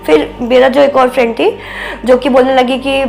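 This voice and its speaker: A young woman with a soft, babyish voice, telling a story as a podcast guest and acting out what people said. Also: high voice, normal speed, gravelly, soft background music. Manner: animated, acts out quoted speech, mixes in English words. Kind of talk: casual spoken storytelling.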